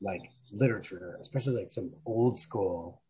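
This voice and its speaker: A male podcast host chats casually about books and literature, slangy, emphatic and profane, swearing freely and hedging with repeated "like." His deep voice is warm with a breathy edge at a moderate pace, on a low-quality recording.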